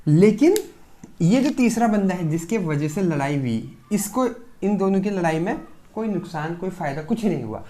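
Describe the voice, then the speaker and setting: A man's voice: sits high, sing-song, normal speed, dark tone. A man giving a pharmacy lecture. He explains each point with rhetorical questions, checks in often with "okay", and mixes English technical terms into his speech.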